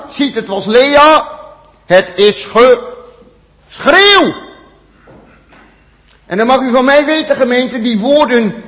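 A man preaching a sermon to his congregation, repeating phrases with emphasis, swinging from loud peaks to near-whispered drops. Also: sits high, big-room sound. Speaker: pastor.

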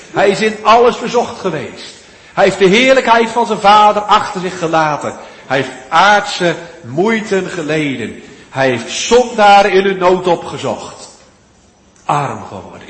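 A man preaching a sermon, swinging between loud, pleading appeals and hushed, almost whispered lines. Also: high voice. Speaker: pastor. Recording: echoey church hall, long reverb.

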